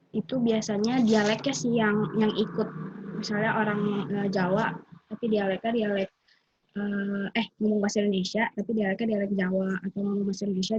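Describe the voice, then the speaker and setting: Young woman explaining stuff to class, flat husky voice, lo-fi call audio. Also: medium pitch, no room sound. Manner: informal, hesitant, many fillers. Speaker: student presenter. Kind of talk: casual class presentation.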